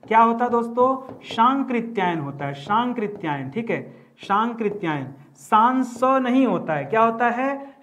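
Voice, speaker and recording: A man teaching a grammar class, asking each answer back to his students and repeating it. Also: sits high. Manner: repeats each word as a question to the class, addresses students as friends. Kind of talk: classroom lesson at a board.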